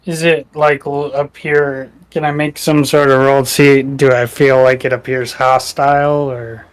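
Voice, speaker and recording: A man's voice: mid-range voice, flat delivery, clear, resonant tone. A man playing in a tabletop game, trading wisecracks with the game master. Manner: slow, wisecracking banter. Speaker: player. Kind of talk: casual tabletop game play.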